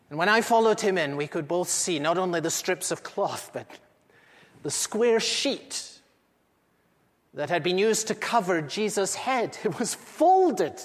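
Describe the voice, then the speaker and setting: Male actor as an aged apostle eyewitness, slightly high voice, earnest storytelling, reverberant hall. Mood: animated. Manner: earnest, intimate storyteller with dramatic swells. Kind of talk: first-person dramatic monologue. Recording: echoey hall with long reverb.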